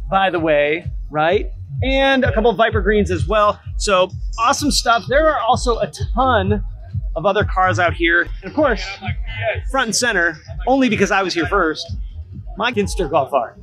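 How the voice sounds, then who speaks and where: A man chats casually outdoors, first at a gas station and then at a car show. His voice sits high and sounds bright and forceful. His tone stays upbeat, with quick jokey asides, and faint music runs underneath. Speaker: car vlogger. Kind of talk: casual vlog chat.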